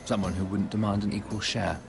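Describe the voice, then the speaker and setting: A man's voice: lowish voice, little pitch movement, brisk, creaky. An actor voicing an affable merchant lord in a video game, wry and conversational as he grumbles about business. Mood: wry, bitter. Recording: music behind the voice.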